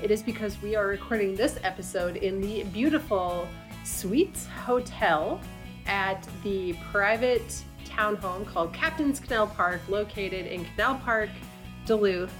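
A woman hosting a podcast, chatting casually and informally to her listeners. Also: mid-range voice. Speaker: podcast host. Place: quiet, slightly echoey rental townhome room.

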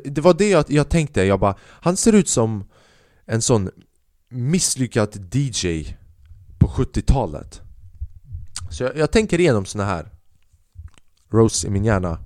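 A young man telling a self-mocking story on his podcast, animated and swearing freely, dropping in English phrases. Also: fairly low pitch, no room sound, clean studio sound. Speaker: podcast host. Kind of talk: casual storytelling monologue.

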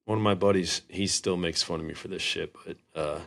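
Low, gravelly man co-hosting a podcast. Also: fairly even intonation, brisk, a bit bright. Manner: laid-back storyteller, laughs at himself. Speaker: podcast co-host. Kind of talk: casual podcast banter.

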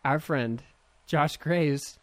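An upbeat man hosting a podcast, chatting casually and teasing his friends with easy laughter. His voice sits at a middle pitch and sounds dry and close to the mic. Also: no room sound. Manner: upbeat, quick to laugh and tease. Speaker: podcast host. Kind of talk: casual chat.

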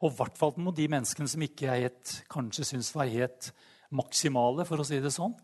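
A man preaching a sermon, fervent and animated, often calling out praise between his sentences. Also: mid-range voice, breathy edge.

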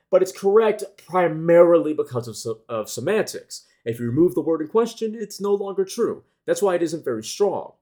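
A man reading his own analytical essay aloud as a car enthusiast, careful and argumentative, pausing to correct small slips. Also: on the high side, dark tone.

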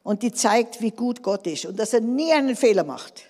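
A woman's voice: a little high, lively intonation, moderate pace, darkish tone. A woman preacher delivering an emphatic sermon, often calling for an amen from the congregation. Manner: emphatic, calls for amens. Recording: long hall reverb.

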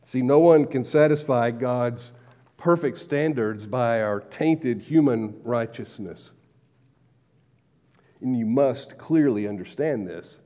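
A man preaching a sermon as pastor, measured, slowing down to stress key words. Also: medium pitch, animated, warm tone. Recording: dull lo-fi recording with long hall reverb.

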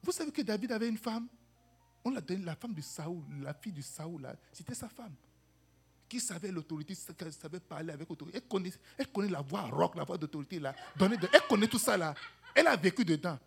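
A woman's voice: on the low side, fast talker, creaky, husky, faint music behind. A woman preaching a sermon, calling to the congregation and acting out the voices of people in her stories. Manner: animated, calls for "Amen" and "Alléluia", acts out quoted voices.

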